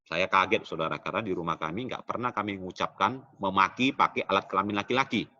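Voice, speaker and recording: A middle-aged man preaching a sermon in a church, in an animated preaching manner that often drops low at the end of phrases. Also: quick pace, muffled recording. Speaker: pastor.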